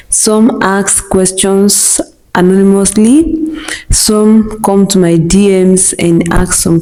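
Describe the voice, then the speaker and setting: A young Nigerian woman with a Nigerian accent who reads her viewers' questions aloud and answers them slowly and deliberately, with short laughs between answers. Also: mid-range voice, dark tone, low-quality recording. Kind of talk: scripted question-and-answer monologue.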